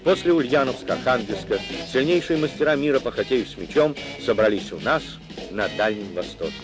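A man's voice: medium pitch, animated, a little fast. Man narrating an old newsreel. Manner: formal, declamatory reporting. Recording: narration over loud music.

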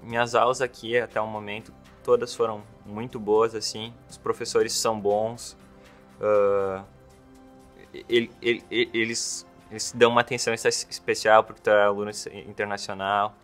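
A young man from southern Brazil talks about his studies abroad. His voice sits a little low and he trips over his first words, repeating them. A soft music bed plays under him. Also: level tone, moderate pace. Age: young adult. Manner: hesitant, repeats words when starting. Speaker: exchange student. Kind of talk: interview testimonial. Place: indoor campus building.

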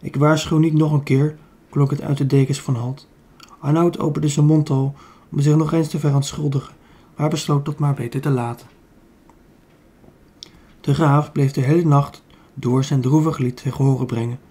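A man's voice: fairly high pitch, steady tone, normal speed, dark tone, slightly rough. A man with a Dutch accent reading a children's book aloud, with small slips he corrects as he goes. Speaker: audiobook reader.

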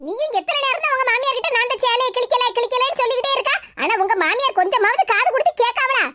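A woman voicing a bold, sharp-tongued neighbor woman in a cartoon, chatty and outspoken, with a Tirunelveli Tamil accent. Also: very high voice, very fast, very noisy. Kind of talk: cartoon voice acting.

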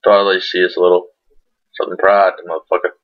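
In a small bedroom indoors, a young adult man who reviews tobacco products chats casually to camera, laid-back, sweary, and rambling. He talks fast in a low, monotone voice, his words slightly muffled by a lip full of dip. A computer webcam held at arm's length gives the recording a dull lo-fi sound.

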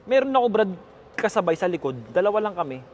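A man telling a comic story to a group, animated, repeating lines for effect and laughing as he goes. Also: high-pitched, fast talker, a little hiss or hum. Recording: loud crowd laughter around him.

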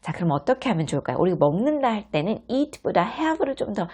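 A woman in her thirties with a husky voice, patiently explaining everyday English phrases to parents step by step. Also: medium pitch, very animated, fairly quick, a little mellow. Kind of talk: explanatory lesson.

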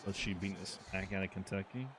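A man commenting out loud on his own football video game, reacting excitedly to each play. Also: sits low, fast, noisy background. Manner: excitable, reacting to plays aloud. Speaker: gaming channel host.

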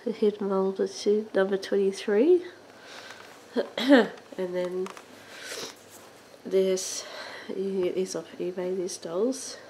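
A woman hosting her own doll collecting channel, describing a vintage doll in a casual show-and-tell with many ums and halting pauses, now and then coughing. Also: medium pitch, steady tone, warm tone, a little hiss or hum, low-quality recording. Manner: hesitant, many ums and uhs, halting phrasing; occasional coughs. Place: indoors at home, on a sofa.

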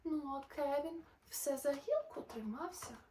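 High-pitched woman reading a kids' rhyme story, lively and playful, a bit off-mic. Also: a little slow, distant mic, slight background noise. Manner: expressive, playful, shifts in loudness and pace.

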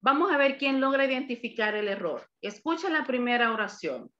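A woman teaching an English class over a video call, modeling words slowly and carefully. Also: fairly high pitch, animated, sharp tone, highs cut off.

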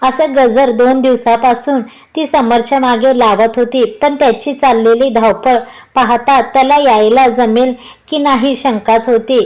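Woman narrator, high voice, storytelling, steady expressive reading. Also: low-quality recording. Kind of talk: scripted narration of a romance story.

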